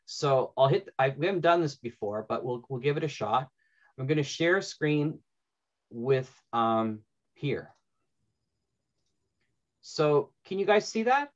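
Over a dull, lo-fi video call from his home, a middle-aged audio drama writer hosts a casual panel, thinking out loud in a conversational way. His mid-range voice is expressive and unhurried, with frequent pauses.

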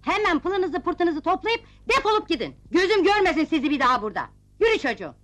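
An actress playing a quick-tempered, shrewish older landlady who scolds and insults her tenants. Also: very high-pitched, very animated, a bit bright, full character voice. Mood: scolding.

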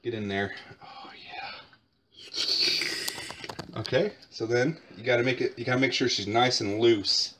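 A man's voice: mid-range voice, measured pace, long pauses, background noise. Young guy, dry joking delivery, running a spoof cooking tutorial from his kitchen. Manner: deadpan, mock-instructional. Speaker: home cooking video host. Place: home kitchen.

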